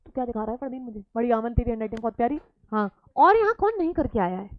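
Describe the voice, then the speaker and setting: A woman teaching a classroom lecture in a high voice, teasing and scolding her students in good humour. She slips between Hindi and English as she talks. The sound is dry and a little dull. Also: lively intonation, racing, dry recording.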